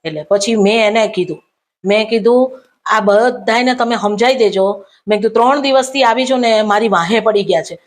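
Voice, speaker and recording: A woman's voice: fairly high pitch, normal speed. A woman telling a comic story, acting out the dialogue as she goes. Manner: animated, acts out dialogue in her anecdotes. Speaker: comedian storyteller.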